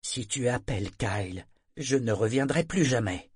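A man reading the part of a headstrong young woman sailor who talks low and rough, with urgent insistence. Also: expressive, normal speed, dry recording, studio quality. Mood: threatening.

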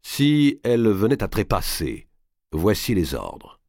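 Man playing a haughty nobleman, forceful, higher and louder than the narration. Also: huge pitch swings, slow pace, dry recording, clean studio sound, full character voice. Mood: commanding. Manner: imperious, forceful orders. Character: commanding nobleman giving orders.

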